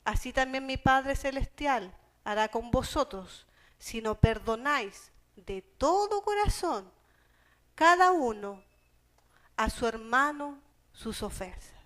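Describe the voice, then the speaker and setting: Una mujer con acento chileno predicando un sermón, que lee pasajes bíblicos y los explica en palabras sencillas y cercanas. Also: female voice, high-pitched, animated, takes it slowly, fairly bright tone. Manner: conversational, explains scripture in plain everyday terms; reads Bible passages aloud. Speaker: preacher. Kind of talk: sermon.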